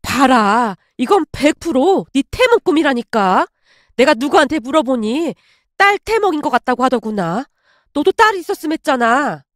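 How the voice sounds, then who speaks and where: A blunt middle-aged mother who scolds hard and raises her voice high, as a woman acts her out. Her talk jumps all over in pitch. The sound is close and dry. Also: big pitch swings, normal speed, no room sound. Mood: insistent. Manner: scolding, shouting.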